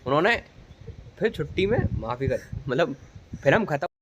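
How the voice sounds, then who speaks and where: Standing outdoors at a railway station at night, a young vlogger and amateur film reviewer records a casual, comic movie review on his phone, telling it in a mock-formal storytelling style. His voice is a little high, animated, and fairly bright, at a moderate pace, with noisy outdoor ambience around him.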